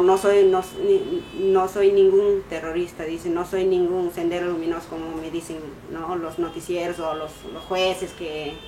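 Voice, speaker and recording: A middle-aged woman from Peru, the mother of a detained student, giving an emotional, halting testimony to camera, repeating herself as she pleads and protests. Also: medium pitch, reverberant, slight background noise, rough recording.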